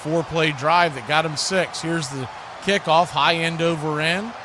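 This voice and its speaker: This streaming host calls live football play-by-play in a high male voice, unhurried despite his excitable, conversational manner. He moves between describing the plays and chatting, with clear background noise behind him.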